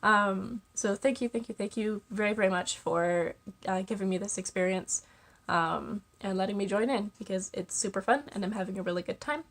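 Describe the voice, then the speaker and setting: A young woman with a cold vlogs to camera, her voice congested and stuffy-nosed at a medium pitch and normal speed. She chats casually with lots of ums and little laughs, recorded on the camera mic.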